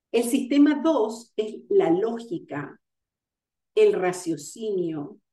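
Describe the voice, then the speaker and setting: A woman's voice: medium pitch, mellow. Woman lecturing over a roomy, distant video call. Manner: explanatory, pausing with fillers to gather thoughts. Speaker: lecturer on ontological coaching. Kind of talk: online lecture. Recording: roomy sound, far from the mic.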